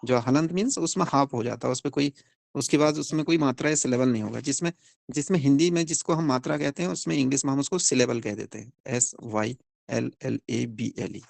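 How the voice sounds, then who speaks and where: A man's voice: mid-range voice, fairly quick, vocal fry, darkish tone, dry recording. A young man teaching a phonics lesson in a classroom, explaining step by step and asking the class questions.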